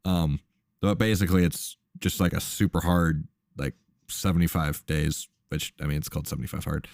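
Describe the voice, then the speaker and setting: A man's voice: very deep voice, fairly even intonation, moderate pace, gravelly, darkish tone, no echo, clean studio sound. A young man hosting a casual podcast chat, laid-back and full of fillers. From Minnesota, USA. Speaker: host.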